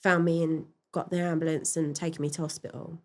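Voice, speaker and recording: A woman in a podcast interview, frankly and reflectively telling her personal story, with pauses and fillers. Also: low-pitched, flat delivery, a little mellow. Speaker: podcast guest.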